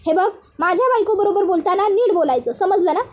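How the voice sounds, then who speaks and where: A woman's voice: very high voice, a little fast. A woman voicing a protective, confrontational young man in a retold serial, talking in a threatening way. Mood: angry.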